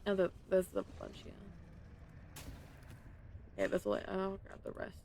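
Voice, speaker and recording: Gravelly-voiced woman streamer muttering while playing. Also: mid-range voice, sing-song, measured pace, dark tone, slight background noise. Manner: talks to herself, frustrated, swears a lot. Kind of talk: casual gaming commentary.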